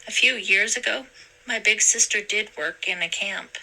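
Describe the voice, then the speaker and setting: A woman's voice: mid-range voice, normal speed, bright, forceful tone, rough recording. A woman voicing a nervous teenage girl camp counselor, earnest and anxious.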